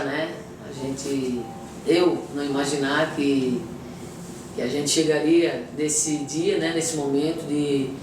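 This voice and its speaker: A middle-aged woman, a capoeira master reminiscing thoughtfully in an interview, with frequent restarts and tag questions. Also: deep voice. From Florianópolis, Brazil. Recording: very echoey room, distant mic, noisy background.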